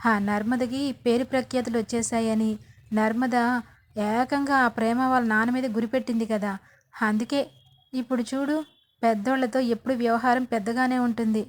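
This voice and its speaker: A sly, needling middle-aged schemer from a TV serial, as a woman narrator puts her on. She speaks in a sweet voice that hides a jab, pitched a little high. It stays close to an everyday speaking voice. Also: steady tone, normal speed, close to an everyday voice. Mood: gloating.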